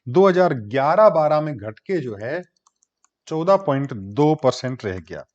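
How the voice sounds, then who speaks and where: A man's voice: a little high, sing-song, a little slow. A man giving a classroom lecture, explaining step by step and answering his own questions. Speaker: teacher. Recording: dull lo-fi recording.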